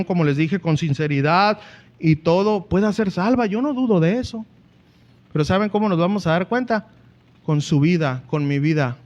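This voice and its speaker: High-voiced Mexican preacher man. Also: lo-fi sound. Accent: Mexican Spanish. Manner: earnest preaching, often addressing the congregation as brothers. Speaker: pastor. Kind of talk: sermon.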